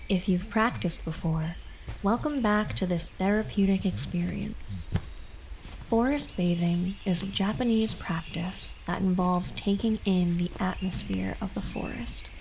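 A woman host narrating a scripted guided meditation in a calm, gentle, soothing and unhurried manner. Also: lowish voice, a little hiss or hum. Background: background music.

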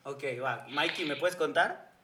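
A man's voice: fairly high pitch, a little slow, sharp tone. A man, hosting a casual podcast and joking while steering the segments. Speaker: podcast host.

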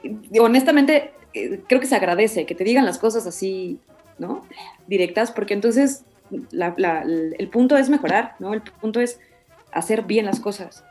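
A woman's voice: medium pitch, normal speed, soft background music. A voice actress, talking casually in an interview and acting out the quotes in her story. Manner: animated, many fillers, acts out quotes.

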